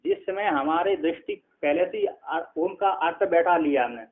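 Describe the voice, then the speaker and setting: A man, a spiritual teacher, giving a scripture lecture, explaining slowly with many repetitions and checking in with his listeners. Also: fairly high pitch. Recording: tinny phone-like lo-fi sound.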